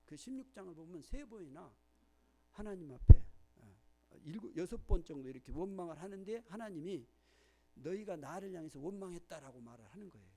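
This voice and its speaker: A man's voice: high-pitched, animated, a little fast, warm tone. A male pastor with a Jeolla Korean accent, preaching a sermon, explaining as he goes, posing questions to the congregation and reading scripture aloud in a raised voice.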